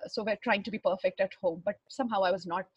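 A middle-aged woman with a refined, educated Indian accent shares personal history in conversation. She is reflective and halting, often searching for the next word. The sound is dry and a little muffled, with a medium-pitched voice. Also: steady tone, husky, dry recording. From Bihar, India. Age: 40s or older. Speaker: interview guest, runner and fitness trainer. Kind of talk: personal life story in conversation.

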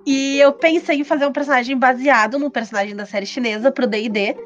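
High-voiced Brazilian woman, slightly muffled. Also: fast, fairly bright tone. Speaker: podcast host. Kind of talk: casual podcast chat. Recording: slightly muffled band, music behind.

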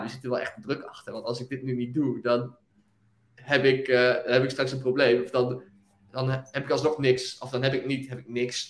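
A young man speaks as an interview guest, moving through his story with animated energy and easy laughter. His voice sits in the middle range and carries the ring of an echoey room. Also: medium pitch. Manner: animated storytelling, laughs often, fillers like "weet je wel". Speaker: guest, business owner. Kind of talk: casual interview talk.

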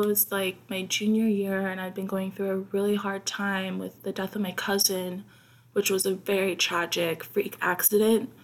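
A young woman hosting a podcast, rambling casually with many fillers, her throat dry as she talks quietly. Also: medium pitch. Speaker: podcast host.

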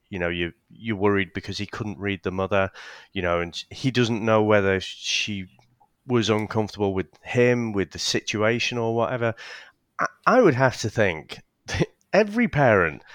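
A man's voice: fairly low pitch, a bit bright, dry recording, clean studio sound. A man co-hosting a casual podcast, hesitant, with stammering restarts and casual swearing. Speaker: podcast co-host.

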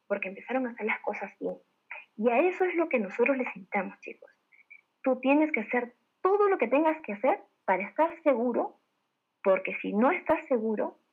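A woman leading a network marketing team, giving an animated motivational talk full of rhetorical questions and direct appeals to her listeners. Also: medium pitch, breathy edge. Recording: tinny phone-like audio.

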